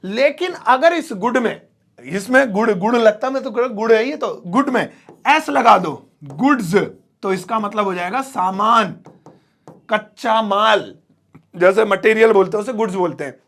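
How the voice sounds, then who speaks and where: Playful high-voiced male English teacher, gravelly. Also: expressive, unhurried, a bit bright. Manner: playful and theatrical, with mock exclamations and jokes. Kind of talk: Hindi-language English lesson at a whiteboard.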